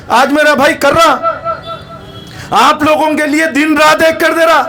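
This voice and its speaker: A man with a Hyderabadi accent giving a fervent, repetitive campaign rally speech, often shouting. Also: extremely high pitch. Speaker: political campaign speaker.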